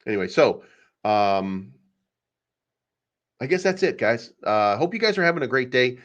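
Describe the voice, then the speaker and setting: A man's voice: medium pitch, sing-song, measured pace, a bit bright, muffled recording. A man hosting a casual sports podcast, ranting emphatically and repeating his points. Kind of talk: casual fan commentary.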